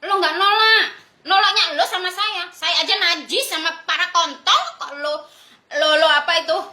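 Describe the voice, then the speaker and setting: High, bright-voiced woman ranting bluntly. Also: normal speed, echoey room. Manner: blunt, crude, confrontational. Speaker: vlogger. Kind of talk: ranting monologue to viewers.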